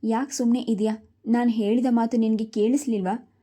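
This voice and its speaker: A woman's voice: a little high, fairly even intonation, normal speed, dark tone, slightly rough. A woman voicing a stern middle-aged husband who scolds and questions his wife in a told story.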